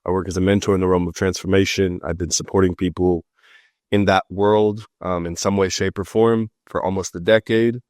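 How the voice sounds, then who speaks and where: With a low-pitched voice and a brisk pace, this Los Angeles man, a psychic and mentor, guests on a casual podcast and keeps the talk loose, relaxed and full of jokes. The recording is dry and of studio quality.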